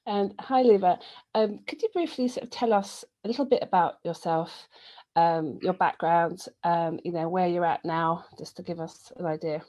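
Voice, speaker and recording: A woman's voice: lowish voice, moderate pace, mellow, low-quality recording. A woman hosting a webinar interview, asking questions in a hesitant way with frequent ums and uhs. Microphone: webinar video call.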